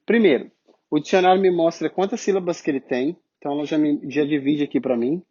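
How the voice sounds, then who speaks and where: A man's voice: a little high, mellow. Brazilian male teacher, patient step-by-step explainer, slightly dull recording. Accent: Brazilian Portuguese. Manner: explains step by step, repeats sounds slowly to demonstrate. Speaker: English pronunciation teacher. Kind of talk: online phonetics lesson.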